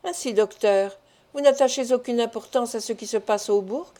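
A woman's voice: a little high, normal speed, warm tone, natural voice. A woman voicing a firm, insistent older male village headman in a storybook reading. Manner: insistent, categorical.

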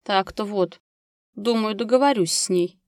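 A woman reading the part of a gruff, blunt grown man, a practical neighbor who talks in a curt, businesslike way, in a dry recording of an audiobook. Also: mid-range voice, unhurried, a little mellow, no room sound, lightly acted.

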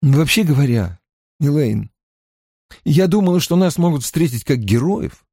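A man voicing an earnest, anxious young woman, a novice confined to a small cell, in a hushed, pleading way. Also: on the high side, expressive, a little slow, no room sound, studio quality, pitched above the performer's own voice. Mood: indignant.

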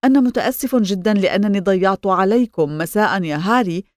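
A woman's voice: medium pitch, fast, no echo, clean studio sound, natural voice. A woman voicing a proud, moody young man in an audiobook, reading his cold, emotional lines. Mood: bitter.

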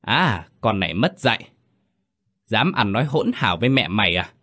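A man's voice: fairly low pitch, big pitch swings, normal speed, pushed and bright, slightly rough, full character voice. A man voicing a callous, harsh village mother in a ghost story reading, snapping and scolding. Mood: furious.

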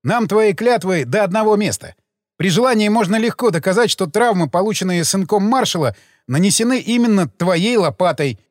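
A man's voice: sits high, expressive, normal speed, no room sound, studio quality, voice pushed up. A man reading an audiobook, voicing a sardonic male police major who speaks in a mocking, menacing way.

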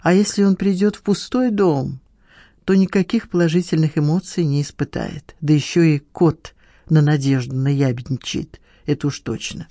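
Brief: audiobook narrator with an even storytelling read, warm mellow voice, dry studio sound. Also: medium pitch, moderate pace, no room sound.

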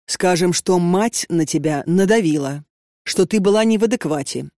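A man's voice: high-pitched, moderate pace, a little mellow, dry recording, studio quality. A woman reading an audiobook and voicing a controlling, hot-tempered young man who speaks insistently. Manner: insistent, domineering.

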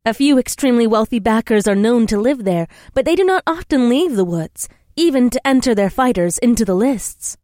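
A man's voice: very high-pitched, expressive, a little fast, hardly any pauses, a little mellow, no room sound, clean studio sound, pitched above the performer's own voice. A man voicing a young warrior princess from another world, who speaks formally and without contractions. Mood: earnest, wondering.

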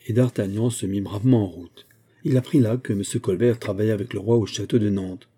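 A man narrates a classic novel as an audiobook, measured and even. His voice is very dark and mellow, with a husky edge. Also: lowish voice.

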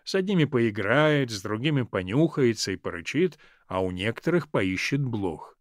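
A man reading a literary story aloud as an audiobook narrator, in an expressive storytelling manner. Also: medium pitch, moderate pace, dry recording, studio quality.

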